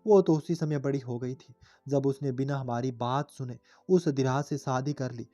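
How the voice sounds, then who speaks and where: A man voicing an affectionate but hurt older brother, speaking quietly. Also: medium pitch, steady tone, normal speed, dry recording, soft background music, lightly acted.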